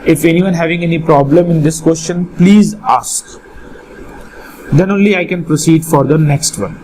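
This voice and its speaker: A man with a slightly high, darkish voice and a North Indian accent teaches a live online accountancy lesson at a moderate pace. He questions and instructs students, often repeating his phrases, on a low-quality recording with slight background noise.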